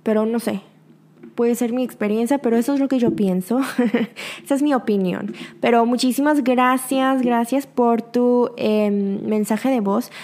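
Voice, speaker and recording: Replying to a voice message from a listener, a young podcast host with a Mexican Spanish accent chats in an unhurried, higher-pitched voice. She laughs often, stays lively, and performs the quoted lines.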